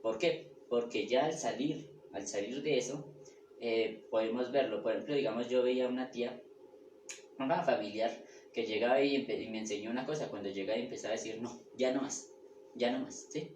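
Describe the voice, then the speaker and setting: A man's voice: medium pitch, a little fast, darkish tone. A man giving a spiritual lecture, often checking in with the listeners and repeating his phrases. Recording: echoey room with background noise.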